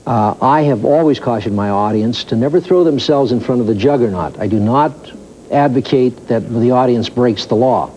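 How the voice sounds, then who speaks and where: Man, radio host guest, earnest, repeats himself, warm mellow tone, lo-fi broadcast audio. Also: mid-range voice, normal speed. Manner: earnest, with restarts and repeated words. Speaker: radio talk show host, studio guest. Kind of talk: interview answers. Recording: muffled lo-fi 1990s TV audio, faint hiss.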